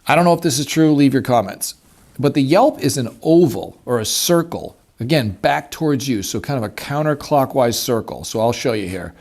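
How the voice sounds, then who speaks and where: Seated at a wooden table, a male hunting instructor gives a casual hands-on tutorial on using a turkey call, informal and folksy in manner. He speaks at a normal pace in a mid-range, slightly mellow voice with lively intonation. You can hear background noise and the call clicking in this clear recording.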